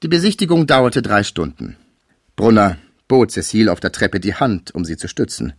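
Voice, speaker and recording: A man reading a classic novel aloud in a measured, expressive narration. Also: lowish voice, no room sound, clean studio sound. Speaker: audiobook narrator.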